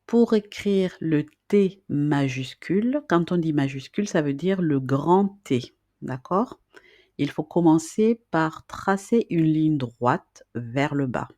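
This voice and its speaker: A woman teaches beginners reading and writing in a slow, patient lesson, her low voice animated yet dark in tone as she takes things slowly. Each question gets repeated, she checks in with the listener, and there is no echo.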